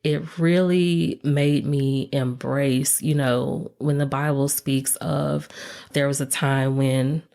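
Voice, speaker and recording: A woman's voice: rumbling low, fairly even intonation, takes it slowly, gravelly, warm tone. A woman in her thirties, a podcast guest, reflectively telling her own story and quoting her past thoughts. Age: 30s. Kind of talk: conversational interview.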